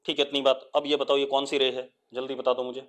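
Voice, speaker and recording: A man with an Indian accent teaching a live online physics class, coaxing students with repeated questions and dictating definitions slowly. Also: medium pitch, level tone, a bit bright.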